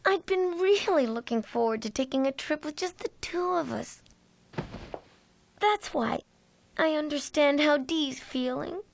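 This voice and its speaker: A woman voicing a friendly, earnest young woman in an anime dub, speaking in a sweet, confiding, expressive way. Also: high-pitched, measured pace, creaky. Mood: wistful. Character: young woman hotel guest, friendly, earnest, romantic-minded.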